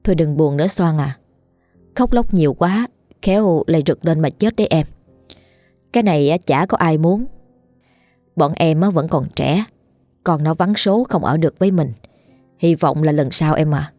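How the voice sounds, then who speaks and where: A kindly village nurse speaks gentle comfort, as a woman narrator voices her. Her voice is low and soft. The reading is dry and close. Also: moderate pace, pauses often, no room sound, faint music behind, natural voice. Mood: consoling.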